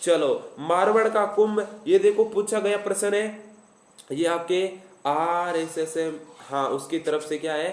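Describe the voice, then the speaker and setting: A man's voice: sits high, fairly even intonation, measured pace, echoey room. A man with a Rajasthani accent teaching a live online exam-prep class. He repeats his lines and plays out the students' answers himself.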